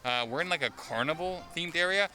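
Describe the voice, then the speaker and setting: A vlog host with a somewhat high voice talks briskly, chatting and joking as he walks around an amusement park. His casual travel narration is recorded outdoors over loud park music.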